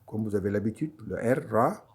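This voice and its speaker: A Quran recitation teacher with a fairly low, lively voice gives a slow, step-by-step online lesson at normal speed, with a little hiss or hum in the background. Patient and encouraging, he gently reassures his students and repeats each sound several times for them.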